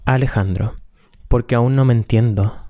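A man's voice: medium pitch, steady tone, moderate pace, no room sound, close to an everyday voice. A man reading the part of a troubled, withdrawn husband who answers in a hesitant, defensive way. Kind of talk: amateur script reading. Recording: dull lo-fi recording.

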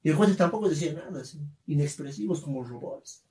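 A man's voice: a little high, fast. A man with a Bolivian accent, co-hosting a podcast and telling a story in casual, slangy chat. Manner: animated, laughing, slangy storytelling. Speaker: podcast co-host. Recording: roomy, distant from the mic.

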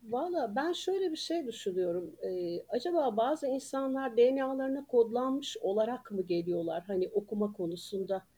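A woman's voice: on the high side, fairly quick, hardly any pauses, warm tone, slightly rough. A woman in her sixties from Ankara, guest on a podcast, telling stories in a chatty way and laughing between sentences. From Ankara, Turkey. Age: 60s. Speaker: guest author and retired teacher. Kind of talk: casual podcast interview.

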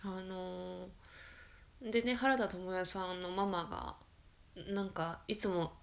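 In a gravelly, steady voice, a radio podcast host talks slowly through a casual late-night episode of her own show. She's quiet and low-energy, often slipping into a whisper, rambling and correcting herself along the way.

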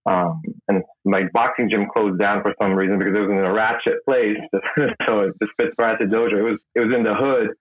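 A man's voice: lowish voice, fairly even intonation, a little fast, few pauses, no room sound. Easygoing man over a tinny line. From Philippines. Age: 30s. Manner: easygoing, good-humored storyteller. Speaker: guest, jiu-jitsu instructor. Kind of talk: casual interview talk.

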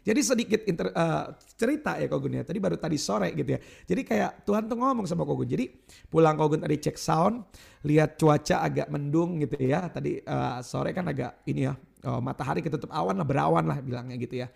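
A man's voice: fairly high pitch, a little fast, vocal fry, breathy edge. A man in his thirties preaching a sermon at a youth church service. He leads the crowd in call-and-response, tells casual stories, and refers to himself in the third person. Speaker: youth pastor.

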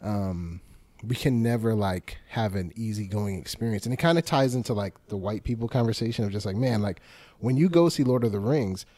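A man with a warm, mellow voice talks in an animated, slangy way on a casual podcast panel. He says "like" a lot, and the recording is close and dry. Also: lowish voice, a little fast, no echo. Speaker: panel guest.

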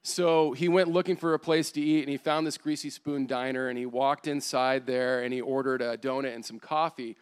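A man preaching a sermon, telling a story in an animated way with many fillers. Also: mid-range voice, normal speed, hardly any pauses, smooth. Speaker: pastor. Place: church service.

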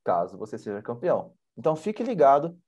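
A man's voice: medium pitch, big pitch swings, quick pace, darkish tone. A man co-hosting an informal news show, teasing his partner and explaining terms. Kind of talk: informal political news commentary.

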